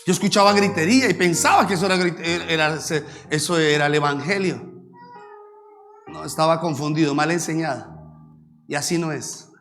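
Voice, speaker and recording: A man preaching a sermon as pastor, animated, sometimes acting out shouted prayers. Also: on the high side, moderate pace, faint music behind.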